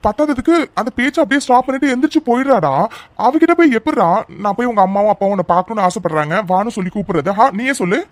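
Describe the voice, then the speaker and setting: A man's voice: extremely high pitch, expressive, rapid-fire, no echo, pitched above the performer's own voice. A man voicing a young husband in a cartoon who frets and trades teasing banter with his friend. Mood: casual. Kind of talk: cartoon voice acting.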